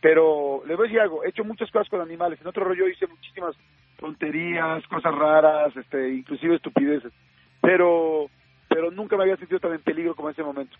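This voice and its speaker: A man with a Mexican accent, a radio host telling an anecdote in a lively way, full of fillers and acted-out quotes. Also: on the high side, quick pace, dry recording. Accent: Mexican Spanish. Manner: lively storyteller acting out quoted dialogue, many fillers. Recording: narrow phone-like sound, faint music.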